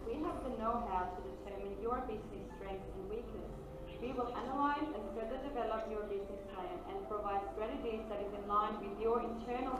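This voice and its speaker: A woman reading a steady promotional voice-over that lists business services. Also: mid-range voice, distant mic, background noise. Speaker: narrator of a promo video. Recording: promo video played on speakers in an echoey room, heard from afar with music.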